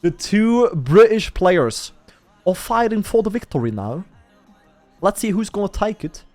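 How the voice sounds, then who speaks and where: A man's voice: sits high, sing-song, measured pace, darkish tone, faint music behind. A man putting on a mock British accent while calling an esports match as a sports caster. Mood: hyping.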